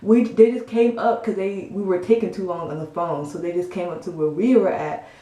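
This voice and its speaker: A woman's voice: on the low side, fairly even intonation, fairly quick, mellow. A young woman casually telling a rambling story to the camera, full of fillers. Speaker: storytime vlogger. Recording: echoey room.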